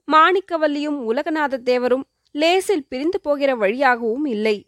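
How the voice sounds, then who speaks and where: Female storybook narrator, steady and expressive, high-pitched, dry sound. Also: no room sound.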